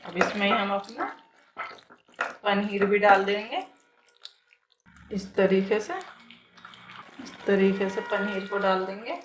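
Woman calmly talking through a recipe. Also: mid-range voice, slow, pauses often, background noise. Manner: calm, plain step-by-step explaining with repeated phrases. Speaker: home cooking channel host. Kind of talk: step-by-step cooking demonstration. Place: home kitchen, indoors. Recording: echoey kitchen with cooking sizzle. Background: frying sizzle and stirring clicks.

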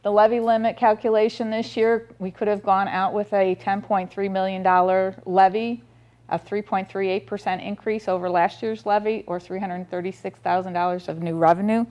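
The audio is lo-fi, captured by a distant camera in a board meeting room where a middle-aged woman stands near a projector screen. She reads a school district budget aloud, figure by figure, with many ums and restarts, in a medium-pitched, darkish voice with fairly even intonation at normal speed.

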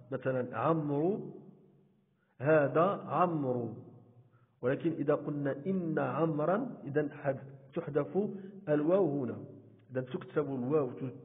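Deliberate teacher, tinny echoey recording. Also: male voice, fairly high pitch. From Morocco. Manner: deliberate, stretches out example words, repeats "so" often. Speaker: primary school teacher. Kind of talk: recorded Arabic spelling lesson. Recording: tinny phone-like sound with long reverb.

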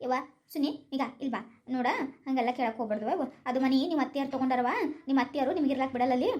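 A woman's voice: high-pitched, fairly even intonation, very fast, muffled recording, pitched below the performer's own voice, lightly acted. A woman voicing a stern elder village woman who firmly instructs the younger ones, with a North Karnataka accent. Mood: firm instruction. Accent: North Karnataka Kannada. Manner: firm, instructing, scolding.

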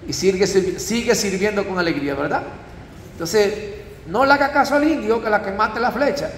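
A priest gives a parish talk, weaving stories and prodding his listeners with quick questions. His voice runs high, and the church hall adds a long reverb with a faint hum of ambience behind. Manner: storytelling, asks audience with frequent tag "¿eh?".

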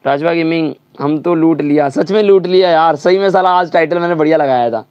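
A young male game streamer rants angrily at the screen, swearing freely through a slightly sore throat. His voice sits on the high side. The sound is dull and dry, like a cheap mic close in a small room. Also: brisk, darkish tone, no room sound. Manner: angry, swearing, ranting. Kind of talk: live gaming stream chat.

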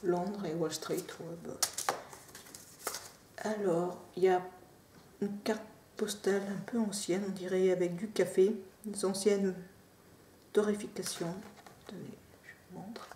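A woman chatting casually through an unboxing, drifting into soft quiet asides. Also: medium pitch, steady tone, measured pace, pauses often. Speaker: unboxing vlogger. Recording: roomy echo, faint noise.

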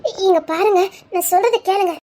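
A woman's voice: very high-pitched, brisk, warm tone. A woman voicing a shy young wife in a drama, hesitant and stammering.

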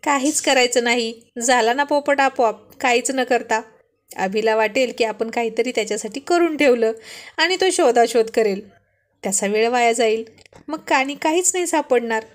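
A timid young man who whines and complains to his friends, as a woman narrator does him. The voice is pitched a little high and sounds put-upon in this told story. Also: normal speed, close to an everyday voice. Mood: joking. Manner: whiny, complaining.

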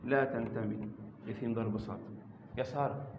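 A man's voice: medium pitch, fairly even intonation, brisk. An Egyptian man teaches a math class, calling on students by name and asking the same question again and again with patience. His voice rings through a roomy hall with a long echo, and the recording sounds dull and lo-fi, with faint noise behind him.

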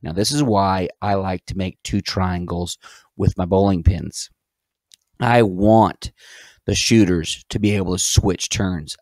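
A man with a fairly low voice explains a gym activity step by step, clear and methodical. His voice-over sounds close and dry, with no room around it. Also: darkish tone, dry recording. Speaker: PE teacher and channel host. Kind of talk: instructional voice-over.

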